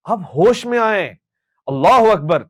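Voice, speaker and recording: Male Pakistani host, fervent and reproachful, high voice, bone-dry close sound. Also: expressive, fairly bright tone, no room sound. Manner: impassioned, scolding, switches into English phrases. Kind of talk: public Q&A answer.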